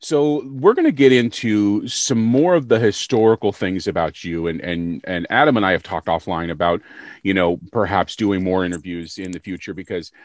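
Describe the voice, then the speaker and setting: A man's voice: deep voice, normal speed, no room sound. A podcast host from the South, upbeat and joking as he interviews a guest. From Southern United States. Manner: upbeat, joking, self-promoting.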